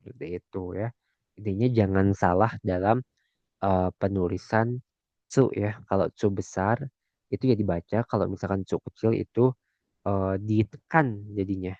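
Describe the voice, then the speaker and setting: Chatty man teaching, low voice. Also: darkish tone, no echo, dull audio. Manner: chatty, checks in with questions. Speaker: Japanese language teacher. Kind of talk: casual explanatory lesson.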